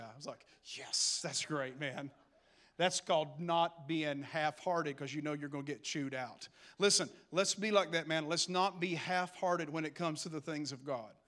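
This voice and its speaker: A man preaching a lively, humorous sermon that builds to emphatic calls to action. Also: high voice. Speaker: pastor.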